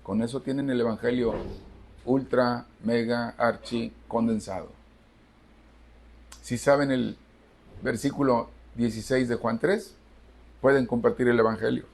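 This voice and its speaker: A pastor preaching a church sermon. His husky, breathy voice sits at an ordinary middle pitch, and he drives his points home by repeating them to the congregation. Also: steady tone, unhurried, pauses often. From Cuba. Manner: preaching to a congregation with emphatic repetition. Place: church service.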